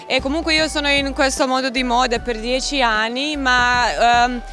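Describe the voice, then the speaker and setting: A woman's voice: high voice, fairly even intonation, normal speed, bright, forceful tone, soft background music. A young woman with a Serbian accent giving casual interview answers in non-native, slightly broken grammar. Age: young adult. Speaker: model agency head and model. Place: outdoor café street at night. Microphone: handheld interview microphone.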